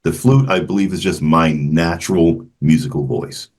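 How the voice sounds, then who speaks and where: A man's voice: rumbling low, a little mellow. A man from Memphis, a jazz flutist talking reflectively as an interview guest, often restarting his sentences. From Memphis, Tennessee. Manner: reflective, halting with frequent restarts. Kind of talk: casual interview conversation.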